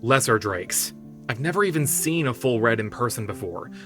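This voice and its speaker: A man voicing a serious young male drake hunter in an audiobook, terse, low and guarded. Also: expressive, moderate pace, a bit bright, faint music behind, natural voice. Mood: grim. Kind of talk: audiobook character voice.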